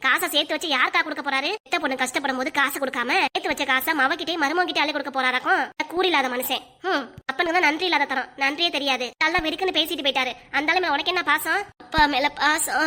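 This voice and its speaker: Woman voicing a sharp-tongued village mother. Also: high-pitched. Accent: Kanyakumari Tamil. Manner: scolding, rapid village talk.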